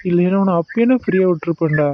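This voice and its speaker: Guy doing a caring cartoon husband, fairly high voice, coaxing, kinda lo-fi. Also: rapid-fire, a little hiss or hum, close to an everyday voice. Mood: comforting. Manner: comforting, coaxing, affectionate scolding. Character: young husband Aravind, protective and soothing. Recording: dull lo-fi sound.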